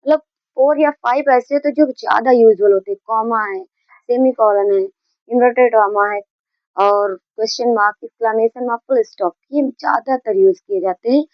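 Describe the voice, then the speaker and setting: A woman's voice: a little high, normal speed, no echo, dull audio. A woman teaching a grammar lesson, explaining patiently, repeating key points and mixing in English terms.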